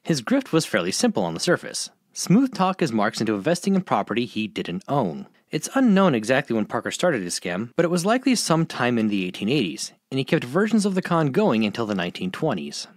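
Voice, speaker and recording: Highly animated male storyteller. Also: a little fast, hardly any pauses, no room sound, clean studio sound. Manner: playful, highly animated storytelling with wide pitch swings. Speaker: host of a history fact channel. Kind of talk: scripted explainer narration.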